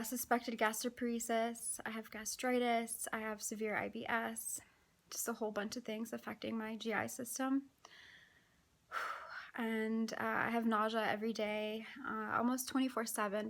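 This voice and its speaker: A woman talking casually to her vlog viewers, exhausted and out of breath, with a weary, halting delivery and frequent sighs. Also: a little high. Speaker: vlogger.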